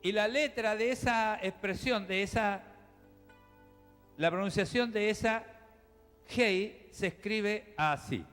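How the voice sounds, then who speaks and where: A man's voice: high voice, slow, long pauses, a bit bright, clear, resonant tone. A man preaching a sermon as pastor, explaining to the congregation in a chatty, direct way. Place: church hall. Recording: reverberant church hall with music.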